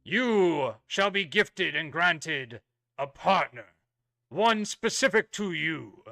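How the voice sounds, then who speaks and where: A man voicing a stern, royal monster knight who proclaims grandly in a booming warrior-king manner for a tabletop game. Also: lively intonation, slow, vocal fry, pushed and bright, no room sound, clean studio sound, full character voice. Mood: solemn, regal.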